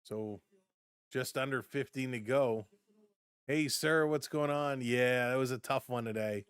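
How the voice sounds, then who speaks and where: A man calls a hockey game live on his fan stream, brisk during play-by-play and chatty with viewers in between, reacting to the chat. His mid-pitched, fairly bright voice is getting a bit hoarse. The recording is close and dry, with no room sound.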